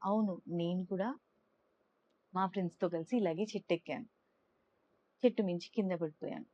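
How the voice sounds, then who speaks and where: A woman voicing a gentle, loving mother who speaks softly and reassuringly to her young son. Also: on the low side, steady tone, fairly quick, a little hiss or hum, lightly acted. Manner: soft, tender, reassuring. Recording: dull lo-fi recording.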